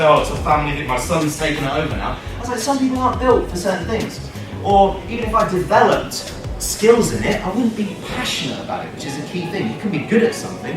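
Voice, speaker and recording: A man, giving a lively, jokey talk to students with quick asides. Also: high-pitched. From Manchester, England. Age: 30s. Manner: animated and jokey, with quick asides and acted-out quotes. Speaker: speaker for students. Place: indoor classroom with a student audience. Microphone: camera at the back of the room. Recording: echoey room from far off, music behind.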